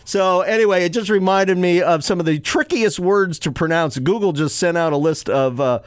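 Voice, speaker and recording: A man co-hosting a radio show, talking in a loose, chatty way. He laughs often and trips over his words. His voice sits a little high, and the studio sound is dry and close. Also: normal speed, smooth, no room sound. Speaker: radio co-host. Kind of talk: casual chat.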